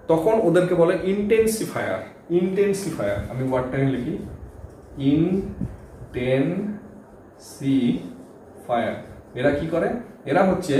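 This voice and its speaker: A man's voice: a little high, darkish tone. A man teaching English grammar in Bengali, explaining step by step and often checking "okay?" with his students. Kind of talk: board lesson explaining grammar. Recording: very echoey room, faint background hum.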